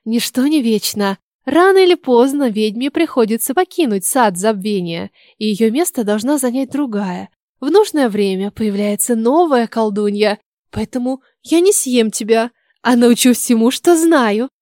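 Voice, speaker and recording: In an audiobook, a woman voices a cruel, cunning old witch, coaxing and menacing by turns. Her fairly high voice has lively intonation, a slightly mellow tone and normal speed, close to everyday speech. The studio recording is clean with no echo.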